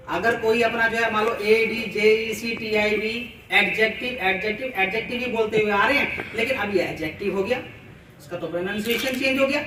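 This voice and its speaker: At a school cluster meeting, a man with a high, bright voice explains things at length to fellow teachers, repeating words for emphasis and drawing on everyday examples. The room echoes strongly, and the distant mic picks up a little hiss or hum.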